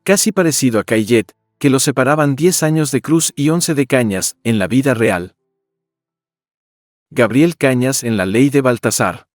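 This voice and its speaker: Male narrator, medium pitch, formal scripted explainer delivery over light music. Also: normal speed, no room sound, clean studio sound. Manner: formal, expository. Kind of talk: scripted documentary-style narration. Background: background music.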